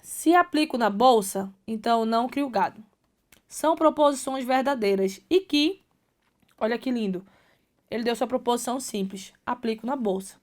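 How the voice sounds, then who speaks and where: A woman's voice: a little high, moderate pace. A woman teaching a video lesson on logic exercises, speaking with a Brazilian Portuguese accent and often checking in with her students. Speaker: exam prep teacher.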